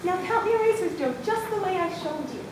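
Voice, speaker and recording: A woman plays a strict, exasperated schoolteacher in an amateur readers' theatre piece, firm and corrective, speaking fast and animated. The recording is distant, in a very echoey room with noisy rumble.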